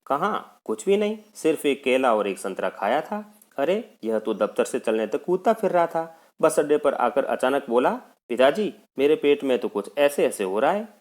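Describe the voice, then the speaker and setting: A man's voice: medium pitch, normal speed, few pauses, lightly acted. A man voicing a flustered, exasperated father. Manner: animated, exasperated retelling. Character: flustered Indian father describing his son's odd stomach ache.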